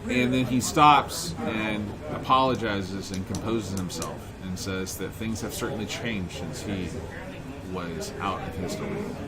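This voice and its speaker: Male game master amid loud crowd chatter. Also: low voice, unhurried. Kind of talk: narrating a tabletop role-playing game. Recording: noisy room with crowd chatter.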